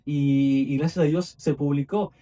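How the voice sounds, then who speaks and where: A young Ecuadorian man in his twenties delivers a fervent sermon, building his phrases through repetition with rising emphasis. His fairly high voice has a dark, mellow tone, and he speaks steadily and without hurry. A church microphone picks him up from a distance.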